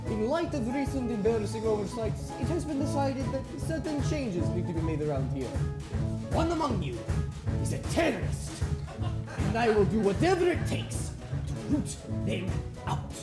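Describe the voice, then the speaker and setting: A woman's voice: on the high side, sing-song, normal speed, roomy sound, loud music behind the voice. A woman playing a stern, authoritarian chief inspector, singing in a stage musical. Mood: menacing.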